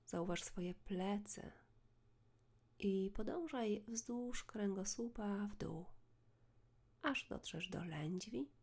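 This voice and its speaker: A woman leads a guided meditation in a soft, hushed, soothing voice close to the ear, measured, with long pauses. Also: medium pitch. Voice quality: soft, breathy.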